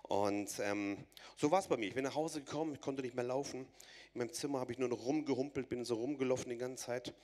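A man's voice: medium pitch, fast talker, a little mellow. A man in his thirties from Germany, giving an earnest, urgent personal faith testimony to a church audience, repeating phrases and restarting words.

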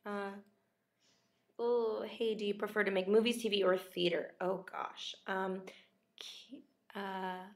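Speaking slowly with frequent pauses, a young actress keeps a level tone at medium pitch. She is losing her voice during a casual livestream chat with fans, reading viewers' questions in a self-deprecating manner, and a laptop webcam records her at close range.

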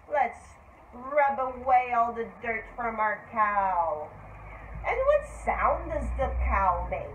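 A woman speaks to toddlers in a high, sing-song voice that swoops up and down. She talks very slowly and coaxes them with exaggerated praise. The room is echoey. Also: dull audio. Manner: exaggerated, animated, coaxing. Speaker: preschool teacher. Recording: echoey room, faint noise.

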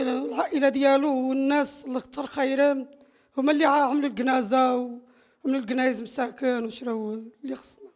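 A middle-aged woman with a northern Moroccan Arabic accent, distraught and crying as she gives an anguished, repetitive, pleading testimony to a news reporter. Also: high voice. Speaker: bereaved mother interviewed. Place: small bare concrete room or entryway indoors. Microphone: reporter's handheld microphone held close.

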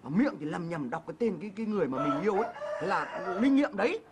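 A woman performs a comic skit, talking fast and joking with laughter through her lines. The recording carries steady background noise. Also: fairly low pitch. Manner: bantering, bursts of laughter. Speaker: comedy sketch performer. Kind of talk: comic sketch acting. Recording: noisy live recording.

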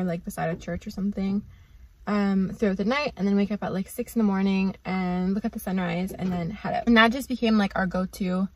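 A woman's voice: medium pitch, no room sound. Chatty young woman vlogging. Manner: chatty, rambling with frequent "like" and "um". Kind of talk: casual chat to camera. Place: parked small car. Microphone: camera on dashboard.

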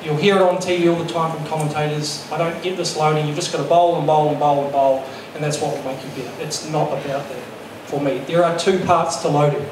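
A middle-aged man speaks as a fast bowling coach, candid and brisk, with a wry, self-deprecating edge. His voice sits a touch high and comes through a handheld microphone. The lecture room adds heavy echo and a faint background hiss. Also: fairly even intonation. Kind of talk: workshop presentation. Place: large lecture room with projector. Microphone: handheld mic. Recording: echoey room, distant sound, faint noise.

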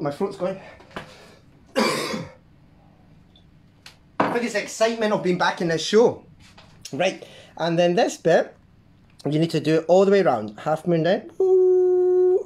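This is a host leading a drawing lesson for kids. The voice swoops up and down with lots of melody. They pepper the instructions with playful beeps and booms and keep checking that the viewer is following. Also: slight background noise. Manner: lively, makes playful sound effects while drawing. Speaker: children's art class host.

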